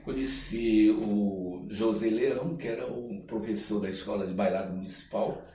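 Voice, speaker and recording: A man from the Brazilian Amazon with a voice on the low side tells his life story as a guest artist and actor, casually spinning anecdotes in an interview. Animated yet halting, he acts out conversations and often ends phrases with "né". There's roomy echo, faint noise and a far-off mic.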